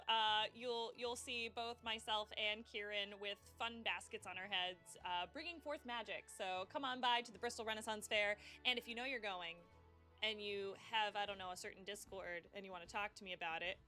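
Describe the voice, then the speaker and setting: A woman's voice: medium pitch, normal speed, sharp tone, faint music behind. A woman hosting as game facilitator, wrapping up a tabletop game in an upbeat, playful, chatty way. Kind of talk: wrap-up of an actual-play game.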